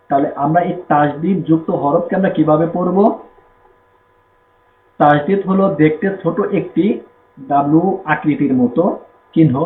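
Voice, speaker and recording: A man with a Bangladeshi Bengali accent teaching Quran reading, slowly repeating rules and asking and answering his own questions. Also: fairly high pitch. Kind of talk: step-by-step lesson with spelled-out drills. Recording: echoey room, tinny phone-like sound, faint noise.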